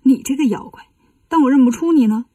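A woman's voice: high-pitched, fairly quick, mellow, husky, dry recording, distant mic. A woman storyteller voicing a cocky, clever monkey king hero who talks brashly and mockingly.

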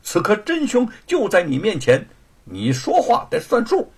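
A man voicing a proud young heroine avenger in a storytelling performance, speaking high and loud in fierce outbursts. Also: huge pitch swings, normal speed, creaky, breathy edge, heavily acted. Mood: defiant.

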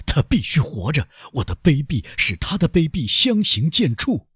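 A man's voice: on the high side, sing-song, normal speed, a bit bright, breathy edge, no echo, studio quality, pitched above the performer's own voice, full character voice. A man voicing an anguished, guilt-ridden middle-aged male prosecutor in an audiobook, with frantic, self-accusing outbursts. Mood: tormented. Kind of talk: audiobook character voice.

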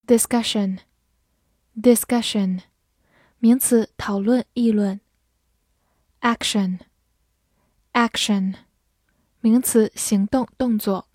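A woman teacher reading out an English word list, saying each word twice and giving its meanings in an even recitation. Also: a little high, drawn-out words, long pauses, no room sound. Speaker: vocabulary teacher.

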